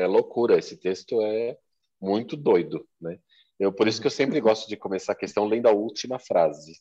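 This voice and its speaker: A man talks through exam questions, animated and full of examples. His voice sits low and husky. The recording sounds dull and lo-fi. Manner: animated, explains with examples and asides. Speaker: exam prep instructor. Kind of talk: explanatory discussion of exam questions.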